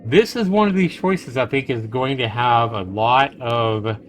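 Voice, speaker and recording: A man livestreams a visual novel from home, reading it aloud theatrically and emphatically while adding his own commentary. His mid-range voice runs a little slow, and the home stream is noisy.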